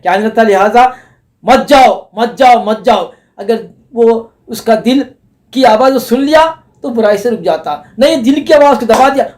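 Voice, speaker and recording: A man, an Islamic scholar, giving a religious lesson on a hadith, reciting Arabic phrases and then explaining them with many repetitions. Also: very high-pitched.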